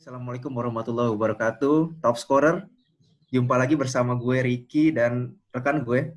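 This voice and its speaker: A man's voice: medium pitch, steady tone, a little fast. A man hosting a casual sports interview. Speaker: host.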